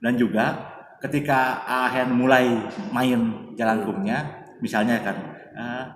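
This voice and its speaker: A man's voice: mid-range voice, level tone, unhurried, fairly bright tone. A man telling a story as a guest in a casual interview, chatty, speaking of himself by his own name, with many fillers. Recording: echoey distant room with faint noise.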